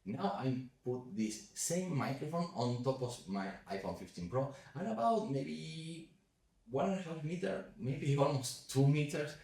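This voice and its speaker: A gear reviewer casually tests a small wireless lav mic in a room at home with the window open, talking in a chatty, loose way. His voice is fairly high-pitched, expressive and a little mellow, and he keeps a measured pace.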